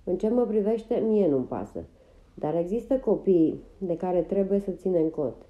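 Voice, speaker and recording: A woman's voice: lowish voice, animated, warm tone, lo-fi sound, lightly acted. A woman voicing a worried male wagon train leader, apologetic and hesitant, in an audiobook.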